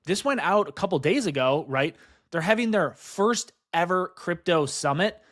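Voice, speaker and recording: Excitable higher-voiced man on crypto charts. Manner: excitable, fast-talking, says "guys" and "right?" a lot. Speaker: crypto investing YouTuber. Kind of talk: excited market commentary over charts.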